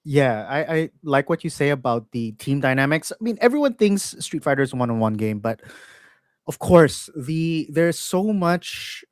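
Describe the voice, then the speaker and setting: A man doing live play-by-play commentary on a fighting game, excitable and climbing to near-shouts at big moments. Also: a little high, normal speed, no echo. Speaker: esports commentator. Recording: commentary over loud game music.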